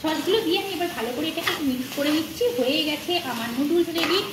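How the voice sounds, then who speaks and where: Fast and high-pitched with lively intonation, a middle-aged woman narrates her home cooking for viewers step by step, chatting informally and making little asides. Frying sizzle and stirring ring out clearly in the echoey kitchen.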